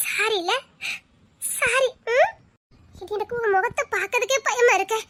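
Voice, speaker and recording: A tearful young student, deeply hurt and openly reproachful, speaking with a Tirunelveli Tamil accent , as a woman acts her out. Her voice sits extremely high and cracks with crying. This is melodramatic Tamil drama acting. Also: moderate pace, a bit bright. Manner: sobbing, accusing and reproachful. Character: young female student, heartbroken, betrayed and tearful.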